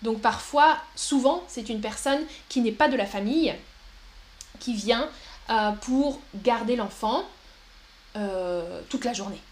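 A young woman teaching a live-stream language lesson, speaking slowly and clearly and repeating words for her viewers. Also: on the high side, slight background noise. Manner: slow and clear, repeats words, puts on a babyish voice for examples. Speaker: French teacher.

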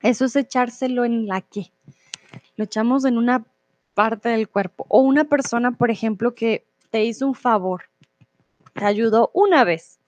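A woman's voice: a little high, moderate pace, darkish tone, no echo, highs cut off. A woman teaching Spanish on a live stream, explaining expressions patiently and reading out viewer comments. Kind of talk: live-streamed language lesson.

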